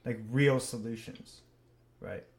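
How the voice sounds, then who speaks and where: Slow and gravelly, with a mid-range voice, this podcast co-host, who spent part of his upbringing in Japan, chats casually while voicing blunt opinions.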